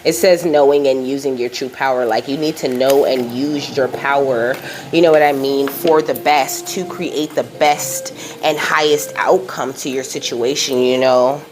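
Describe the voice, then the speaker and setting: Over music, a woman with a rumbling low voice and fairly even intonation speaks at a measured pace. She is a psychic tarot reader giving a casual, rambling, comforting card reading, sharing messages from Spirit and frequently saying "you know" and "okay?"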